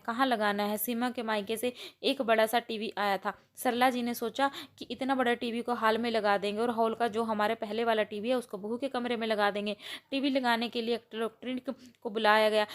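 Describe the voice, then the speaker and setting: Woman with a fairly high voice reading a story.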